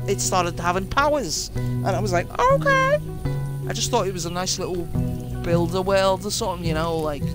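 A British streamer rambles through a live playthrough in loose, unscripted chat, swearing freely along the way. Clear game music plays underneath the voice. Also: mid-range voice. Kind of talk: casual live-stream commentary.

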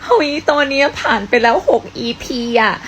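A woman's voice: sits high, lively intonation, moderate pace, lo-fi sound, a little hiss or hum. A woman acting a comedy skit about bedtime habits, playful, exclamatory and self-mocking.

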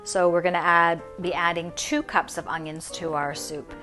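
A woman's voice: lowish voice, little pitch movement, normal speed, music in the background. A middle-aged woman hosting a cooking show in her home kitchen, explaining each step in a friendly way with a few fillers. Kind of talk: cooking demonstration.

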